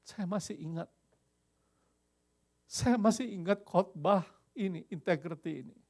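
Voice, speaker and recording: An older pastor from Indonesia preaching with lively energy. His voice sits a touch high with a gravelly edge. He weaves English phrases into his sermon. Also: measured pace.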